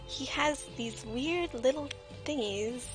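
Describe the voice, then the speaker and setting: A woman hosts a livestream while drawing, joking around casually in a playful, self-deprecating manner. Her voice is high-pitched and her pace is slow. Music plays behind her in the recording.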